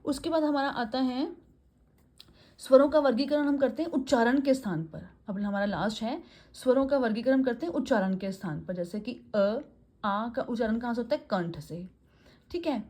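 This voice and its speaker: A woman teaching a grammar lesson, asking questions and answering them herself, repeating vowel sounds slowly and mixing in English phrases. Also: on the high side, darkish tone. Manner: asks and answers her own questions; mixes Hindi with English phrases.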